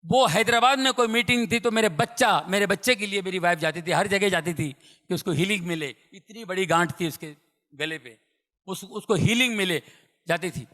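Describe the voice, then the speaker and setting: A middle-aged man with a notably high voice preaches with emphatic repetition, pushing some lines loud and dropping others to a hush. His words ring out with the long reverb of a large hall. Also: normal speed. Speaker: preacher giving testimony. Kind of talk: sermon.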